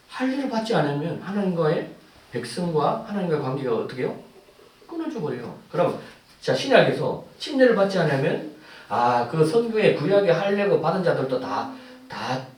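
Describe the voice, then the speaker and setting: Echoey, fervent preaching man, lively pitch. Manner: swings from low asides to loud pleading cries. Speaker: pastor. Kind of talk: sermon. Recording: echoey hall, voice from far off.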